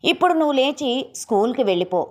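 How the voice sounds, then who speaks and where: Woman reading as an awkward dad coaxing his daughter, gentle but hurried, audio story. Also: sits high, expressive.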